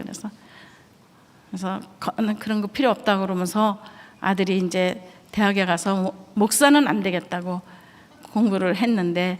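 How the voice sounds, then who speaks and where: Older female missionary, heartfelt storytelling sermon, medium pitch, echoing sanctuary. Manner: emotional, storytelling with quoted dialogue. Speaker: missionary preacher. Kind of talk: testimony sermon. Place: church sanctuary. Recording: long church hall reverb.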